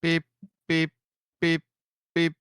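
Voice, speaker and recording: Man doing a robot-voiced car: clipped beeps and alerts, dry and mid-pitched. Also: completely flat delivery, very slow, a bit bright, clean tone, dry recording. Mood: beeping alert. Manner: clipped, beeping machine announcements. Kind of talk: improvised fan story voicing.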